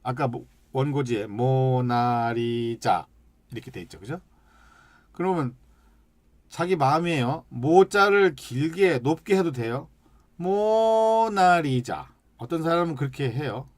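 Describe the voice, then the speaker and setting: A man teaching an English lesson, stretching out sounds and syllables slowly as he demonstrates, and asking the class questions that he then answers himself. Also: mid-range voice, no room sound. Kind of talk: lecture with slide examples.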